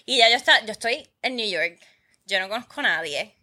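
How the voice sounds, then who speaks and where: High, bright woman telling a story. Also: brisk. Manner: animated, profane storytelling, acting out quotes. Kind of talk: casual podcast chat.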